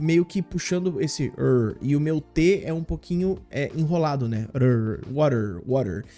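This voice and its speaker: A man's voice: a little high, mellow. A man from Brazil teaching English in a casual video lesson, talking conversationally with fillers and tag questions.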